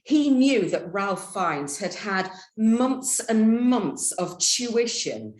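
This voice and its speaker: A woman's voice: mid-range voice, big pitch swings, drawn-out words, darkish tone, roomy sound. A woman hosting a video-call interview, chatty and effusive, from her home. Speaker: interview host.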